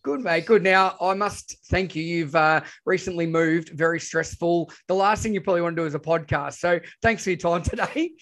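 A man's voice: a little high, normal speed, hardly any pauses, a bit bright. A man hosting a podcast interview, upbeat, enthusiastic and chatty. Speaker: podcast host.

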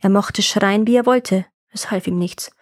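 A woman reads a classic fairy tale aloud in a calm, measured way, with a voice of middle pitch. The recording is dry and close, with no room echo. Her storytelling stays steady and clear. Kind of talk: scripted fairy tale narration.

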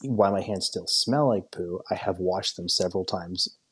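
A man's voice: deep voice, normal speed, slightly rough, no room sound. A man chatting casually and joking crudely, speaking on a phone from a basement at home. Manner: jokey, crude humour. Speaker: guest on a sports talk show.

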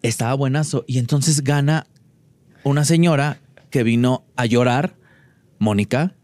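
A man chatting as a podcast guest, animated and playfully mocking as he tells his stories. His voice sits at a middle pitch, and the sound is dry and close with no room echo. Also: a little slow. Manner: animated, camp storytelling with mocking quoted voices. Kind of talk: casual chat.

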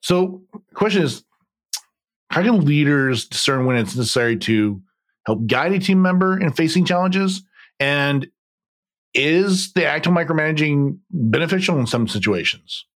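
A man's voice: on the high side, lively intonation, moderate pace, fairly bright tone. A man hosting a business podcast, asking long, friendly questions with fillers. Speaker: podcast host. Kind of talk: conversational podcast interview.

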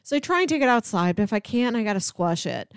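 A woman with a fairly high, smooth voice talks quickly while co-hosting a movie podcast. She chats casually about films in an animated way, acting out imagined lines of dialogue as she goes. The studio-quality recording has no echo.

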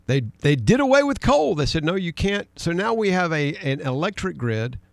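A man's voice: a little high, very animated, moderate pace, gravelly, no room sound. A middle-aged man talks on a political radio show in a slightly raised voice, recorded dry and close with no room sound. He speaks with emphasis, reads headlines aloud and turns often to his co-host by name. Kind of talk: conversational political talk radio.

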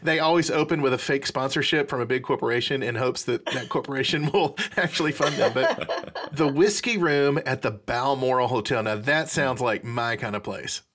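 A man's voice: medium pitch, moderate pace, fairly bright tone. Joking male podcast co-host. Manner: joking, playful banter. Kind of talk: casual chat.

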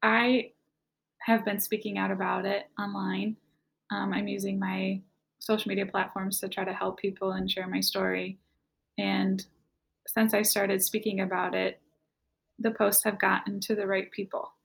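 As a guest giving personal testimony, a young woman with a gravelly, creaky edge tells her own story candidly, slipping into quoted back-and-forth dialogue to recount events. Her pitch is mid-range for a woman, her tone level and her pace measured.

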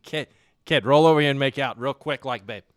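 A man's voice: mid-range voice, a little fast, smooth, no room sound, close to an everyday voice. A man putting on a Boston accent to play a tipsy husband coaxing his wife. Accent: put-on Boston.

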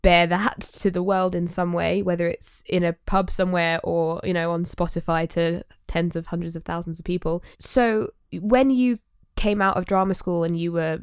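A young woman hosting a podcast, asking quick, enthusiastic questions of a friend. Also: lowish voice, level tone, smooth, dry recording, studio quality. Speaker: podcast host. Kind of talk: casual podcast interview.

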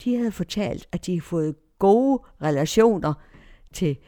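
A woman telling a personal story in a lively, anecdotal way, often quoting others as dialogue. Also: on the low side. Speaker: churchgoer recounting neighbourhood life.

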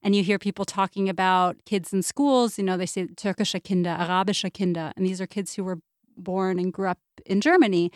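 A woman's voice: medium pitch, steady tone, brisk, no echo, clean studio sound. A woman, a radio guest speaking in a thoughtful, conversational way. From United States. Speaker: guest, series producer. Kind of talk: radio interview discussion.

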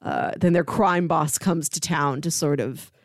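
A woman co-hosting a film discussion podcast talks casually and conversationally about movies. She has a low voice and speaks a little slowly, with clean studio sound and no room sound.

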